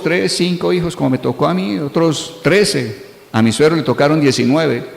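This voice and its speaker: A middle-aged Colombian pastor delivers a sermon, firing questions at the congregation and playing out short dialogues. His voice has a gravelly edge. The sound comes from an echoey church hall with a long reverb tail. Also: a little high.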